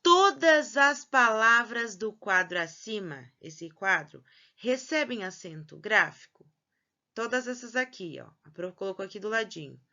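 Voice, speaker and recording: A woman teacher, giving a recorded grammar lesson to pupils, slow and patient, often checking in with her class. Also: mid-range voice, expressive, sharp tone. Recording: dull lo-fi recording.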